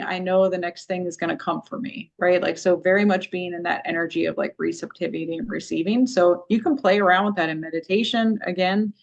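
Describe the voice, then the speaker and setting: Gravelly-voiced woman telling a spiritual story. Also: lowish voice, highs cut off. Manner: chatty, lots of "like", storytelling. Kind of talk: casual spiritual chat.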